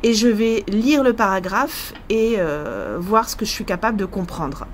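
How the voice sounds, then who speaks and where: A woman's voice: medium pitch, expressive, a little slow, a little hiss or hum. A woman with a French accent, a language teacher thinking aloud in a casual vlog, hesitant and full of fillers.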